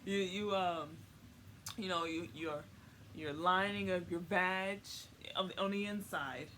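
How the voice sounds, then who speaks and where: A young woman vlogger speaks slowly in a low, pushed, bright voice during a funny, informal explainer. She rambles in slang and repeats words for emphasis, with faint noise from her home recording.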